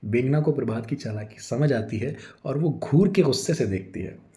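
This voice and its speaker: A man narrating a story script in a calm, measured way, reading out scene directions. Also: medium pitch.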